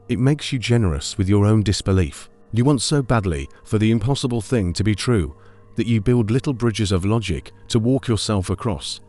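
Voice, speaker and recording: A man with a low voice narrating a scripted scary story in a measured, somber way. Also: mellow.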